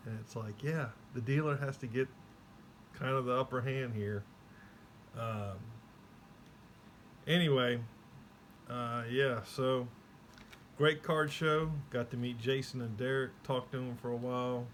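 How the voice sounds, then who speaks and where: A man's voice: mid-range voice, steady tone, a little slow, pauses often, a bit bright, slight background noise. A man giving a rambling, casual spoken recap, slipping into quoted voices as he tells it. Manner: rambling, acts out quoted people. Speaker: vlogger.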